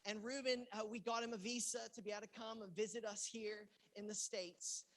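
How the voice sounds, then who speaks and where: A male pastor from England preaching a sermon, telling a personal story and acting out the dialogue with sudden loud bursts. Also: high voice, brisk. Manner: animated storyteller who acts out quoted lines with loud outbursts. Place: church in Los Angeles.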